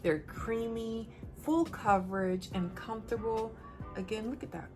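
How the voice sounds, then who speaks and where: Slow, chatty woman beauty vlogger. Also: fairly high pitch, fairly even intonation, over music. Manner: chatty, upbeat, addresses viewers directly. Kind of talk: casual makeup review to camera. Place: at home.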